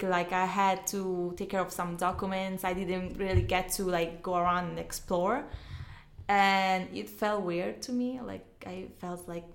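Soft-spoken young woman, slightly gravelly. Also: medium pitch. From Ecuador. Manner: soft-spoken, hesitant, trails off quietly. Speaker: guest YouTuber. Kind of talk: casual interview chat. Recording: echoey room.

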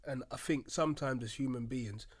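A man's voice: mid-range voice, normal speed, slightly rough. A man speaking as a guest on a casual podcast, telling a long personal story earnestly and acting out what others said. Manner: earnest storytelling, acts out voices in quotes. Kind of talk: casual chat.

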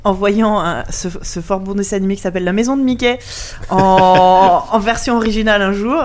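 A woman co-hosting a podcast, chatting playfully and quickly and asking questions. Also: mid-range voice, darkish tone. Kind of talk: casual podcast chat.

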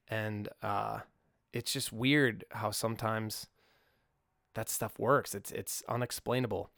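Casual podcast host, male, gravel in the voice, dry close sound, thinks aloud and restarts his sentences. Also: lowish voice, steady tone, slow pace, fairly bright tone, no room sound. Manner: reflective and rambling, with many restarts. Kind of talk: casual solo podcast talk. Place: home studio in Nashville. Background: faint song playing under the talk.

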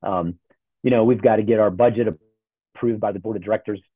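Man, forties, low voice, casual rambling talk, tinny phone-like audio. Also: fast, breathy edge, no echo. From born in Ohio, grew up in Charlotte. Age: 40s. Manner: relaxed, rambling with many fillers. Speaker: podcast guest, nonprofit CEO.

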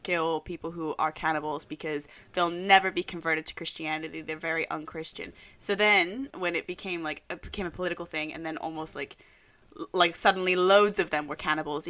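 A woman's voice: fairly low pitch, bright, forceful tone. A woman co-hosting a podcast in casual chat, explaining at length with many fillers and restarts. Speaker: podcast co-host.

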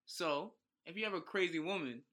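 A man's voice: fairly high pitch, normal speed, pushed and bright. A man co-hosting a casual podcast chat, laid-back, laughing often and saying "bruh" and "yo". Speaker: podcast co-host.

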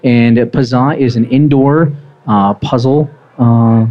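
A man's voice: mid-range voice, fairly even intonation, slow pace, dull audio. A man hosting a live talk show, upbeat and rambling, often repeating words as he interviews a guest. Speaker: host. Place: restaurant with live audience.

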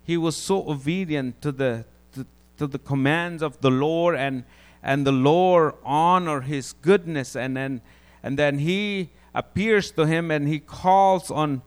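Speaking in a somewhat high voice, a preacher from Guatemala delivers a casual testimony sermon in Guatemalan-accented Spanish, pausing haltingly and repeating himself along the way.

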